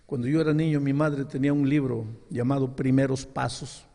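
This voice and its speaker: Gravelly-voiced man preaching in a hall. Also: mid-range voice, fairly even intonation, brisk, mellow. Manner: dramatic storytelling, acting out dialogue in rising voice. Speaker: pastor. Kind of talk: sermon. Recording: long hall reverb.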